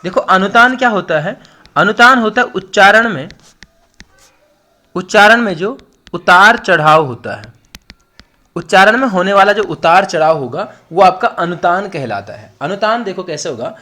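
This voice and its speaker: His voice sits high and is expressive, bright, and forceful, moving at a normal speed. A young man with an Uttarakhand Hindi accent, he teaches an online exam-prep class, addressing students directly and repeating words to drive explanations home.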